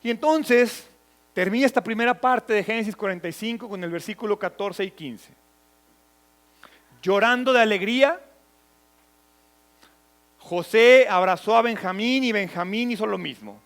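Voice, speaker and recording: A man preaching an earnest sermon and reading from Scripture, often letting his phrases fall soft and low. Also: moderate pace.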